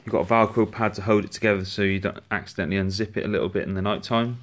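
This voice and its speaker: Brief: a man, lowish voice, relaxed and chatty, reviewing gear on a handheld phone at home. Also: very fast. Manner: chatty, relaxed, with frequent restarts. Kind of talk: casual product walkthrough. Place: indoors at home, on a rug.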